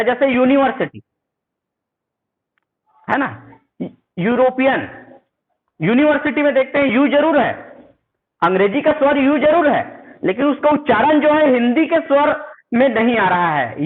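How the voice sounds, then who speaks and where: A man teaching English grammar in Hindi, often pausing to ask whether the listener follows and slowly repeating example words. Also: extremely high pitch. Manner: spells out sounds and example sentences while writing. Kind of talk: spoken classroom lesson. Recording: narrow phone-like audio.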